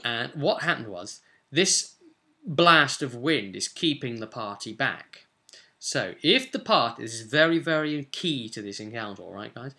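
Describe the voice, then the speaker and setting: Speaking unhurriedly with lively intonation, this young British game master recaps a session to camera from his desk in a small room at home. His medium-pitched voice sounds pushed and bright, and he's a chatty, emphatic storyteller who gestures as he talks.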